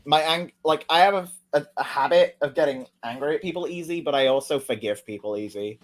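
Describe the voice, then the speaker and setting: A man's voice: fairly high pitch, brisk. A man hosting a casual commentary, reading out tweets and answering them sarcastically and heatedly, with frequent swearing. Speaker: commentary video host.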